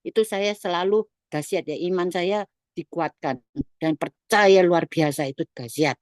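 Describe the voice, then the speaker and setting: A woman's voice: on the low side, unhurried, darkish tone, no room sound, studio quality. A middle-aged woman giving an emotional personal testimony, repeating herself and restarting often.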